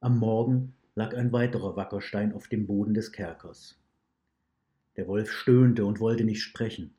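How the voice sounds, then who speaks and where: Man reading a story out loud, low mellow voice, calm and measured. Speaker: narrator. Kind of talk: read-aloud storytelling.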